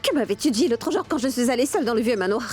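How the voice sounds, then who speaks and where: Woman playing a determined young mother, high and lively. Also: fast, close to an everyday voice. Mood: reproachful. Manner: urgent, reproachful. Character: determined young mother searching for her daughter. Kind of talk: French dub of a TV drama. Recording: soft music under dialogue.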